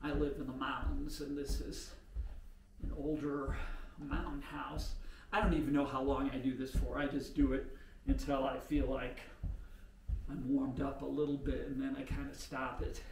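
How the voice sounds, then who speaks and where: Filmed by a camera set back from him in a room of an older mountain home, an older home exercise vlogger talks while he works out. His mid-range voice is flat and his speed normal, and his talk is unpolished, rambling, and packed with fillers as he thinks aloud. The distant mic captures roomy audio with faint hiss.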